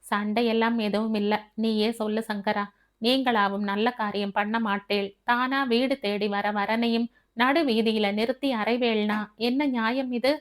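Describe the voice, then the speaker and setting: A woman's voice: on the high side, steady tone, measured pace, lightly acted. A woman voicing a frank, hurt young woman, an elder sister, who speaks bluntly and defiantly in an audiobook. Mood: pleading. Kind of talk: audiobook character reading.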